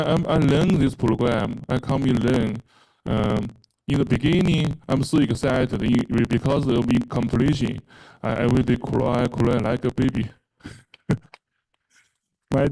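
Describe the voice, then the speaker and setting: A man from China gives a halting, earnest testimonial about his time in a spiritual program. His voice is low in brightness and gravelly with fry, and he speaks very slowly, pausing often on fillers. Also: low-quality recording. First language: Mandarin Chinese. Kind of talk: personal testimonial.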